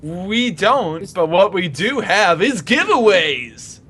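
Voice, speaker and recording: Animated higher-voiced male host. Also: takes it slowly, crowd noise. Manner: upbeat, plugs giveaways and streams. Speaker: podcast co-host. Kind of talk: casual live-stream chat.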